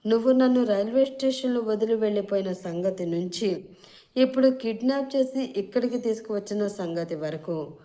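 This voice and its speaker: Woman voicing a bossy young bride, curt, commanding, sharp-tongued, storybook reading. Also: medium pitch, big pitch swings, moderate pace, lightly acted. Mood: threatening.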